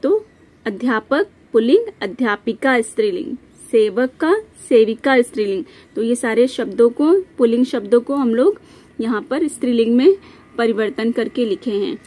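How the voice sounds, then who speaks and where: A young woman teaching a grammar lesson from notes, repeating each rule and example slowly. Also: on the high side, expressive, darkish tone.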